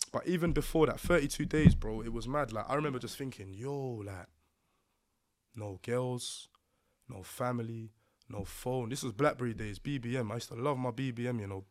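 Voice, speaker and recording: A man with a London accent tells a personal story in a casual podcast setting. His delivery is roadman street talk, thick with slang, and his voice sits at a medium pitch. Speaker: podcast guest.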